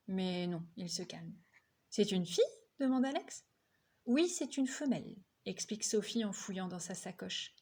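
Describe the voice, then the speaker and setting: Brief: female reader, lively children's storytelling, raises pitch for dialogue. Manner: lively, voices characters' quotes higher. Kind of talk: reading a children's novel aloud.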